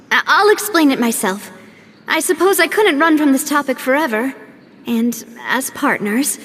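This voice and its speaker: In video game cutscene voice acting, a poised young lady with a high voice plays the earnest, polite leader of a crime-fighting organization.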